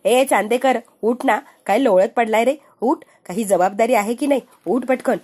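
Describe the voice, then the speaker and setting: A woman's voice: on the high side, expressive, moderate pace, mellow. A woman voicing a man's needling inner voice. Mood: teasing. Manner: needling, lecturing. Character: man's own inner voice, teasing and scolding.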